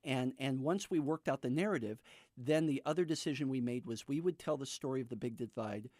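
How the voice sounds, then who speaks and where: Male American author guest, medium pitch, emphatic conversational explainer, dry radio sound. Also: brisk, darkish tone, no echo.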